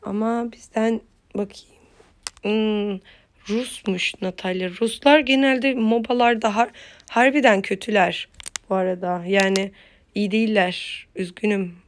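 A woman giving playful, casual commentary while playing a mobile game, just woken up and chanting words over and over. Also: mid-range voice. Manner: playful, chatty, repeats words in quick chants.

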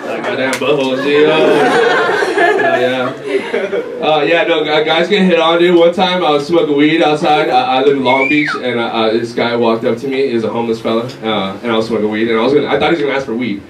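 A man's voice: mid-range voice, fairly even intonation, fast talker, background noise. Loose, crude young man doing live stand-up. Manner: loose, crude, chatty, riffing with the crowd. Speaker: stand-up comedian. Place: small comedy club stage, indoors. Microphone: handheld stage mic. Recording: roomy club sound from a distance, loud crowd laughter.

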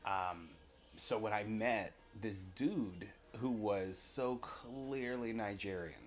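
A man's voice: on the low side, slow pace. A man from the United States hosting a podcast, rambling and musing through a casual solo monologue with a self-deprecating tone. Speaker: podcast host. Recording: muffled lo-fi audio with faint hiss.

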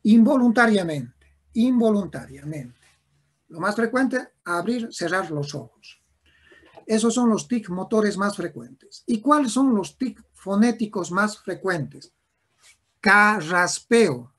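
A man gives a neurology lecture at a deliberate, unhurried pace. His voice is slightly husky. He restates terms and checks in with the class. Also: high voice, animated, fairly bright tone. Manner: slow, repetitive, with frequent restarts and checks of "¿ya?".

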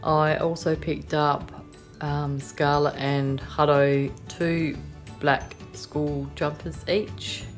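Australian woman vlogger, low voice, chatty and rambling, phone in a car at night. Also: level tone, very slow, soft background music. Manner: chatty, rambling, lots of ums and yeahs. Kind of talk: casual haul chat.

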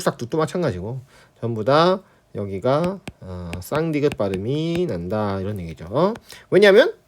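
Man teaching, lively checking-in manner. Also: medium pitch. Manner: repeats key phrases, checks in with "그죠?". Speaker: Korean language teacher. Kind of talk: lecture on spelling rules.

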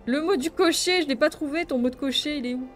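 A woman streaming a game, chatting excitably to her viewers and laughing often. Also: high-pitched, fast talker. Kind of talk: let's play commentary. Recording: game music playing behind.

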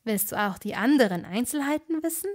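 A woman's voice: on the high side, lively intonation, a little fast, a little mellow. A woman voicing an earnest, clever young witch in a fan audio drama. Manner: earnest, explaining, easily indignant.

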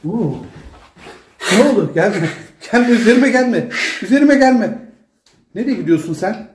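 A man talking casually at home, pleading and gently scolding with repeated short commands to calm down. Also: high-pitched, measured pace, background noise. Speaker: father filming his daughter at play.

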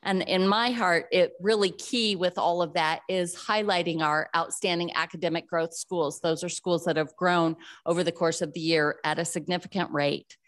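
A middle-aged woman speaks into a podium microphone in a council chamber, earnest and a little halting, with fillers between phrases. Her voice sits fairly low. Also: steady tone, a bit bright. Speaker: school district foundation director. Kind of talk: public remarks at a podium.

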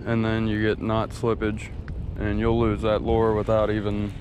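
At a quarry lake, a man casts his line and talks to his head-mounted action camera in a lazy, easygoing drawl. His voice sits lowish, his delivery is totally flat, and he moves at a moderate pace, with a faint wash of outdoor noise in the background.

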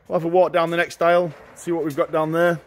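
A middle-aged man walking through a large warehouse, listing auction lots in short, brisk phrases as he goes. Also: on the high side, flat delivery. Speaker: auctioneer giving a viewing tour. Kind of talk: walking tour commentary. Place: large indoor warehouse with shelving.

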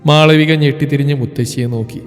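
A man's voice: on the high side, fairly even intonation, fast. Man narrating a story over music. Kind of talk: scripted narration. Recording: reverberant with background music.

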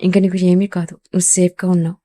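A frightened, tearful young heroine, pleading and emotional, in a low, mellow voice, put on by a woman storyteller. She speaks with a fairly flat, even tone. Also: quick pace, natural voice.

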